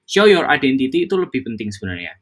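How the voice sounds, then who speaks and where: A young hospitality staff trainer from Java, Indonesia, leads an informal internal session for coworkers on guest service. His middle-pitched voice is sing-song and fairly bright, and he mixes casual talk with English buzzwords, frequently pausing on fillers and starting sentences over.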